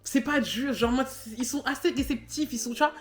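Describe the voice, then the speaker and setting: A woman in her twenties telling a personal story in a chatty vlog, talking loosely with lots of fillers and animated bursts. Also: high-pitched, brisk, echoey room. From Cameroon. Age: 20s. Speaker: vlogger. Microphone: phone camera.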